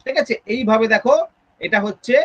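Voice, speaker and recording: A man's voice: extremely high pitch, steady tone, fairly quick, sharp tone, highs cut off. A man with a Bengali accent teaching a Sanskrit grammar lesson, explaining step by step and checking in with students through frequent questions. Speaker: Sanskrit tutor. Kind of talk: exam-prep grammar lesson.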